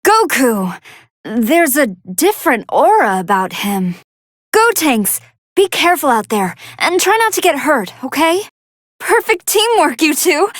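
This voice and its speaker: A woman voicing a gentle, earnest young female android scientist who gives polite, precise fight commentary in a video game. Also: high voice, no echo, clean studio sound, heavily acted. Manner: polite, precise, analytical, expressive. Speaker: match commentator.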